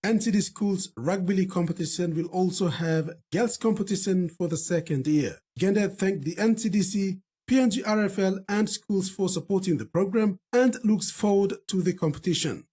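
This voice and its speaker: A man reading the evening news in a measured, formal way. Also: sits high, dark tone, breathy edge. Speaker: news presenter.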